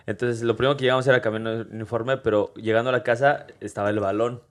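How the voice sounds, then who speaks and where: A man's voice: mid-range voice, fast talker. A man with a Mexican accent hosting a casual podcast chat, telling childhood stories and swearing casually. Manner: animated storyteller, swears casually. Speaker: podcast host.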